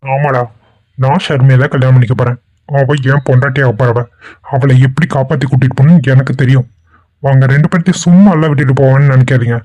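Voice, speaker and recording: A cocky young cartoon hero throws out challenges, as a man acts him out. His tone is warm and dark. It sounds close and dry. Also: medium pitch, steady tone, quick pace, no echo, close to an everyday voice. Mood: defiant. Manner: boastful, challenging. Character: bold young male hero, confident and defiant. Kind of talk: cartoon voice acting.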